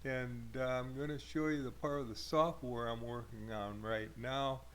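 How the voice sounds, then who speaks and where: A man casually walking through his own software in a screen-recorded tutorial, hesitant, with many fillers. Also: medium pitch, fairly even intonation, moderate pace, a little hiss or hum. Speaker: hobbyist programmer demoing his software.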